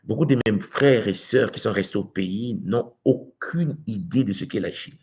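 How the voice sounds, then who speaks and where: A man from Congo, a guest speaker giving a measured spiritual teaching talk, often addressing the host by name. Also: on the low side, a little mellow, breathy edge.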